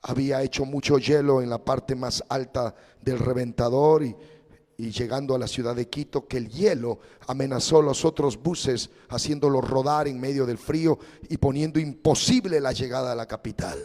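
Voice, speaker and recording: A pastor preaching a sermon as dramatic storytelling, his voice swinging between loud and hushed. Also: medium pitch, steady tone, moderate pace, in a large hall.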